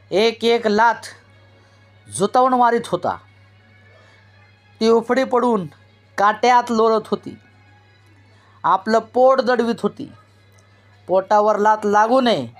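A narrator reading a novel aloud in a slow, deliberate storytelling manner. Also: mid-range voice. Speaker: audiobook narrator.

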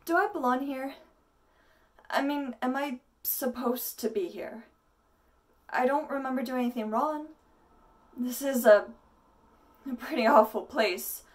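Young woman acting a high-voiced, desperate asylum inmate. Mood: uneasy, confused. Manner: halting, intense, pleading delivery. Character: desperate, paranoid young female asylum inmate pleading her sanity. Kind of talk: theatrical dramatic monologue. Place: indoors against a plain wall. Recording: voice distant from the mic.

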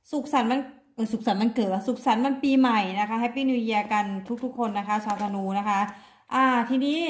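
A middle-aged woman giving a casual tarot reading, chatting to viewers and often repeating herself, recorded on a phone's front camera. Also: a little high. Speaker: tarot reader. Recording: roomy echo.

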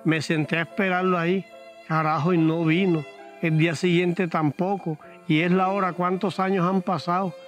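A man's voice: flat delivery, normal speed, soft background music, lightly acted. A man voicing an earthy, grieving older countrywoman, in a raised voice. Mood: mournful. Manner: plain rural speech, higher pitched.

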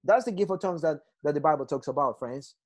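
A man's voice: on the high side, quick pace. A man from Ecuador with a Spanish accent, teaching a Bible class on a video call, earnest and full of restarts. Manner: earnest, repetitive, frequent restarts and "right?" checks.

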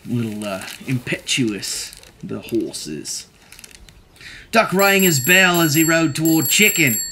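Sitting on a living room couch, a man in his thirties reads a children's book aloud in a theatrical, jokey way, tossing in playful asides. His voice runs on the high side with big pitch swings, he reads slowly, and the background is noisy.

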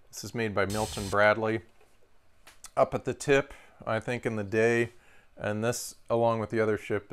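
Middle-aged guy showing off old toys, low smooth voice, chatty and excited. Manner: chatty, enthusiastic, many fillers. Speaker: antique toy dealer. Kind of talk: casual product walkthrough. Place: indoor showroom with glass display cases.

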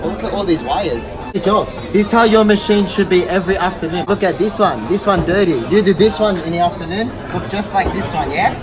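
Playful, foul-mouthed man, slow and high, in a clip with loud music and crowd noise. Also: rough recording. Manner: teasing, laughing, swearing. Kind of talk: joking banter at work.

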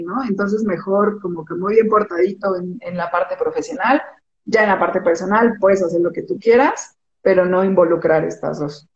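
A woman's voice: on the low side, darkish tone, muffled recording. Chatty Mexican woman on an echoey call. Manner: chatty, explains with everyday examples. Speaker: image consultant guest. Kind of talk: casual interview chat.

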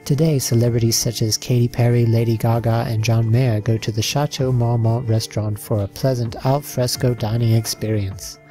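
A man reads a slideshow narration at a middle pitch. His tone is warm and mellow, and his delivery is an even, listing read with the occasional slip. Soft background music plays underneath. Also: moderate pace, hardly any pauses.

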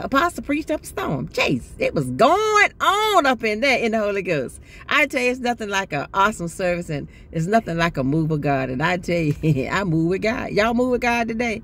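Older woman, casual vlog, swooping animated pitch, talks into phone in her car. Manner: chatty, exasperated, laughing often. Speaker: vlogger. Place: parked car. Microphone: phone held at arm's length.

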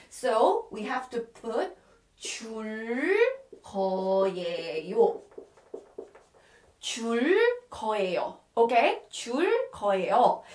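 Speaking in a high voice, a Korean-accented woman teaches a language lesson, patiently saying words slowly and frequently asking "Okay?". She sounds far from the mic, in a roomy space.

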